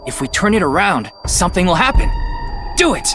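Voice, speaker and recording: A woman voicing a young male detective, reading game dialogue in a deepened voice. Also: big pitch swings, fairly quick. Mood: eager. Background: game music.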